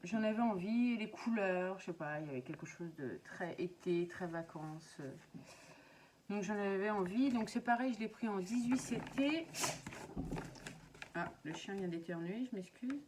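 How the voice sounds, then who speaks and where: A woman's voice: medium pitch, expressive, normal speed, darkish tone, a little hiss or hum. A woman casually showing her craft purchases to viewers, chatting with many hesitations. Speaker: craft vlogger. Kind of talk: casual unboxing chat. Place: at home.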